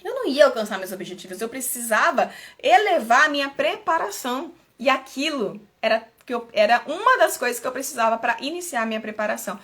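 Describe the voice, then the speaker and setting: Woman, mentor, earnest live-stream pep talk, repeats herself, bright high voice. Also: expressive, fast. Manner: earnest, personal, repeats herself, restarts phrases.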